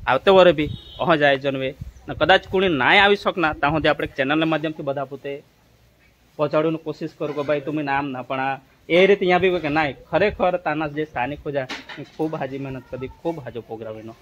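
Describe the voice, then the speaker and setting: A man's voice: a little high, fast talker, fairly bright tone, dry recording. Man with a hosting. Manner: casual, agreeing often. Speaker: channel host interviewer. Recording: dull lo-fi sound.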